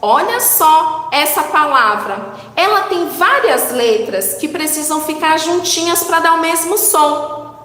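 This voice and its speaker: Woman teacher, high voice, slow patient child-directed delivery, echoey room. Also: lively intonation, sharp tone. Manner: slow, drawn-out syllables, coaxing questions to children. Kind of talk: children's lesson, slow and sing-song. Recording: echoey room with long reverb.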